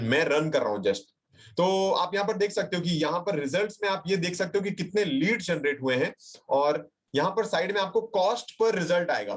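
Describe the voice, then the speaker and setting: Young Indian man, somewhat high voice, leading a casual webinar tutorial, reassuring and chatty. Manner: chatty Hinglish, mixing English phrases, fillers and checks like "right?"; reassuring, addresses viewers directly and reads chat replies aloud. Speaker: digital marketing trainer. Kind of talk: live webinar screen-share tutorial. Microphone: computer mic on a webinar call.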